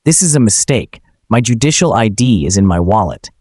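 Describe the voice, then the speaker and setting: A steady, controlled middle-aged judge who keeps his words careful and measured, read by a man. The voice sits low but moves lively in pitch. The sound is dry and close, with no room around it. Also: husky, dry recording. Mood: strained. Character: calm middle-aged male judge under arrest.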